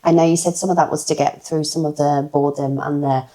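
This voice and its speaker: Low, mellow-voiced woman host. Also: steady tone, fast. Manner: supportive, affirming with frequent "mm" and "yeah". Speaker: podcast host. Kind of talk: interview.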